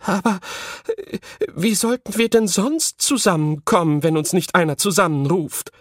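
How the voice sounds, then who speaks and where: A gentle fairy-tale queen, lost for words, stammers through her questions, as a male audiobook reader plays her. Her voice sits high and swoops up and down. The sound is dry and close. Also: lively intonation, normal speed, no echo. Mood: confused. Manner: flustered, hesitant with stammers. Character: kind, confused female good queen.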